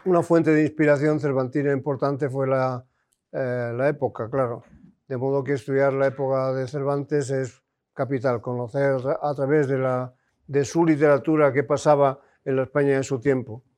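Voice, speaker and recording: A man's voice: mid-range voice, little pitch movement, normal speed, a little mellow. A man giving an academic lecture, hesitant, with frequent fillers and restarts.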